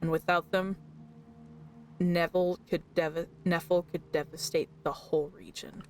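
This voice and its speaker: A woman's voice: on the low side, steady tone, measured pace, a little mellow, far from the mic, faint music behind. A woman reading as a grave, weary witch.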